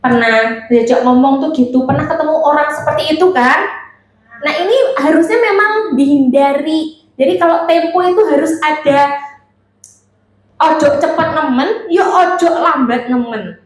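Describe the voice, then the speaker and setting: A woman's voice: sits high, normal speed. A woman with a Javanese accent giving a playful seminar talk on communication, teasing her audience. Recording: echoey hall.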